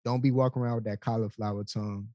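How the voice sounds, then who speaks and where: A man's voice: on the low side, steady tone, very fast, dry recording, highs cut off. A young man co-hosting a podcast, talking in laid-back, blunt casual chat full of slang. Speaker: podcast co-host.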